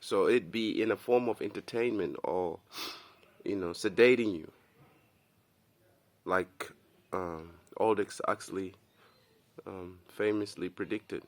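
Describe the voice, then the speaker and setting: A man's voice: low voice, slow, pauses often. A young man from Kenya giving a loose, rambling casual monologue to camera, tossing in "bro" as he talks. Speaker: commentary video host.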